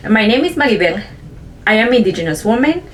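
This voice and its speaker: An earnest woman vlogger from Chiapas, Mexico, whose first language is Chong (a Mayan language), gives a reflective personal narration in careful, non-native English with simple sentences. Her voice is a little high, sing-song and brisk, with slight background noise.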